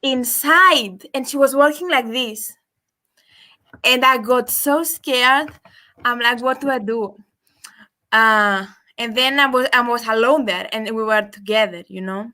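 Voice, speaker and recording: This caller, a young woman from Cyprus, uses English in a casual call-in chat though Greek is her first language, restarting hesitantly and leaning on fillers. She speaks a little slowly in a fairly high, pushed and bright voice.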